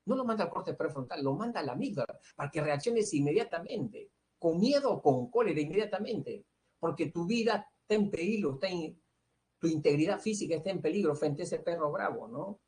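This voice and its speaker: A man's voice: a little high, animated, darkish tone. Peruvian man teaching psychology. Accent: Peruvian Spanish. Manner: explanatory, tags nearly every phrase with a questioning "¿no?"; fills pauses with "este" and "eh". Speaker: pre-university psychology teacher. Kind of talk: online lecture to students.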